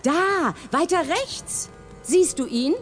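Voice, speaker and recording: A woman's voice: extremely high pitch, lively intonation, slow, faint music behind, heavily acted. An actress voicing Hera, queen of the gods, scolding and teasing her husband in a radio play. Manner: scolding yet affectionate, teasing.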